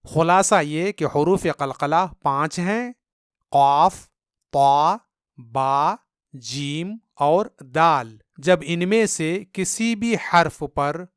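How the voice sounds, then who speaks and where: A man's voice: a little high, a bit bright, smooth, no room sound, studio quality. A male Quran reading teacher giving a patient, step-by-step lesson and repeating sounds for learners to copy.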